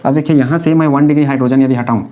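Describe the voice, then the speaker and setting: A man's voice: medium pitch, steady tone, rapid-fire, lo-fi sound. A man teaching a chemistry lesson, explaining step by step, repeating key terms and answering his own questions. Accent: Hindi-speaking North Indian. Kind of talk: classroom lecture.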